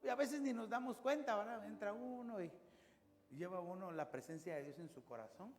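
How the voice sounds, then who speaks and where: A male pastor preaching a conversational sermon, telling stories with lively rises and drops. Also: sits high, brisk. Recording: long reverb with music behind. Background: music.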